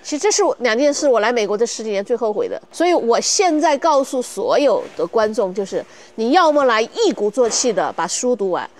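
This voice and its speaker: A woman from China in her thirties, telling her story as an interview guest in a lively, candid, self-mocking way. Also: on the high side, a little fast, hardly any pauses. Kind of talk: casual interview chat.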